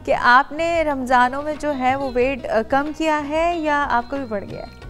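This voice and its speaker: A woman in her thirties hosts a TV cooking show with a high, bright-pitched voice. She chats easily, talks directly to the viewers and keeps prompting her guest, with faint music playing behind her in the studio. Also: a little slow. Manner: chatty, addresses viewers directly, many affirming hums. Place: bright studio kitchen set.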